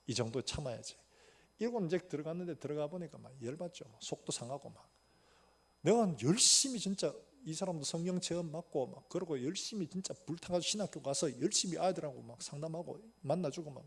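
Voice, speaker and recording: A man's voice: a little high, gravelly. A male pastor preaching a sermon, telling a story animatedly and acting out the dialogue. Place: church sanctuary.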